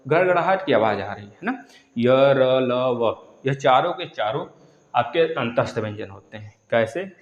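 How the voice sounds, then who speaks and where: A man's voice: a little high, lo-fi sound. A male teacher giving an online exam-prep lesson, explaining step by step and repeating key terms for students to write down. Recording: echoey room.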